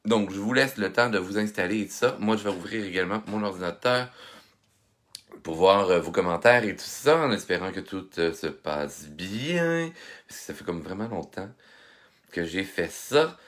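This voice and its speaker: A man's voice: deep voice, lively intonation, normal speed, a bit bright. A man with a Québécois accent, a little stuffy from a head cold, chatting through a casual live art tutorial and greeting viewers by name. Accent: Québécois French. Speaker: art instructor hosting a live stream. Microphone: phone.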